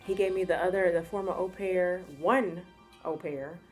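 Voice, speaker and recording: A woman's voice: on the low side, fairly even intonation, moderate pace, a little mellow, faint music behind. Woman, casual storytime, chatty, lots of filler words. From United States. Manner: chatty, full of "like" fillers, acts out quoted voices. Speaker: vlogger.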